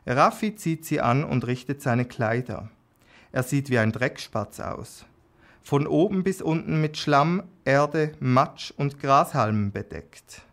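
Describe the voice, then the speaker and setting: A man reading an erotic story aloud in a calm, unhurried way, with small slips and restarts. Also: mid-range voice. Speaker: narrator.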